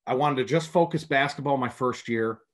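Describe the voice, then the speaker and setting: A man's voice: medium pitch, a little fast. A man from upstate New York, a basketball coach, answering interview questions over a video call in a rambling, storytelling way with many restarts. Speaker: head prep basketball coach, guest.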